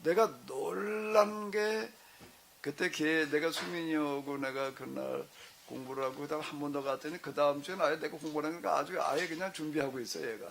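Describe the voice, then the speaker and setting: A middle-aged male pastor telling a story to his congregation in a relaxed, conversational way, acting out the dialogue as he goes. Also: fairly high pitch, moderate pace, gravelly, slight background noise. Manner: conversational, animated retelling with quoted dialogue. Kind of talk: storytelling in a church discussion.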